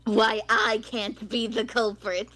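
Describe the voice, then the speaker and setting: A woman's voice: a little high, little pitch movement, slow pace, a bit bright, faint music behind. A woman voicing a mischievous, lying teenage boy in a fan voice-over of a game, smug and teasing.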